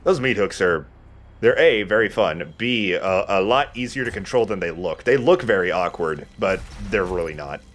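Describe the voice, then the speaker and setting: With video game music in the background, a man plays through a game for a let's play, joking around casually and swearing occasionally. He speaks in a low, expressive voice at a moderate pace.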